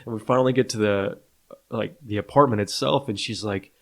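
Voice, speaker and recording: A man's voice: on the low side, brisk. A man in his thirties co-hosting a casual podcast, telling rambling stories with frequent laughs. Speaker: podcast co-host.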